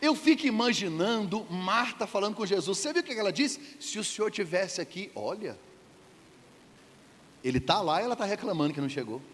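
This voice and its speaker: A man preaches a funny sermon in a church hall, playfully cracking jokes and quizzing the congregation. His voice sits high, swings widely in pitch, and is a bit bright, and he talks fairly quickly. Reverb from the hall and faint background noise are audible.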